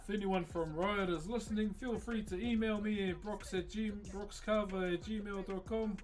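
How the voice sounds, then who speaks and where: A man's voice: high-pitched, steady tone, normal speed, soft background music. A man with a broad New Zealand accent chatting casually to livestream viewers in a laid-back, slangy, matey way. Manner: laid-back, slangy, addressing viewers as bro and mate-like pals. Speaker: livestream host, woodcarver.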